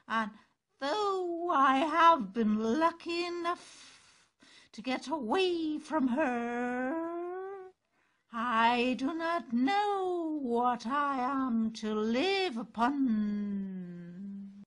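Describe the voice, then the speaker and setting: An older woman with a German accent voicing an old, frightened female cat who whimpers and pleads slowly. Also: high voice, expressive, fairly bright tone, voice pushed up, full character voice. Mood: tearful. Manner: slow, tearful, wavering pleading. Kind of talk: storybook read-aloud.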